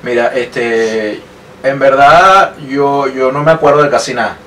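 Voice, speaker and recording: A man's voice: medium pitch, a little slow, fairly bright tone. A young man with a Venezuelan accent, co-hosting a podcast with teasing, playful remarks. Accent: Venezuelan Spanish. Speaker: podcast co-host. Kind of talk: casual chat. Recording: distant mic with faint noise.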